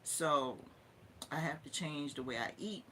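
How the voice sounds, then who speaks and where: A woman's voice: deep voice, measured pace, pushed and bright, slight background noise. Emphatic Southern woman in her fifties. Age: 50s. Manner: emphatic, opinionated, repeats herself for stress. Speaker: livestream host. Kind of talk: casual livestream talk.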